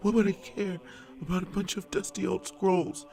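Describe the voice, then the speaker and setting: A man's voice: sits high, flat delivery, normal speed, creaky, a little mellow, soft background music, pitched above the performer's own voice. A man voicing a frightened old Italian man who pleads and stammers for his life. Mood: pleading. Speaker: audiobook character.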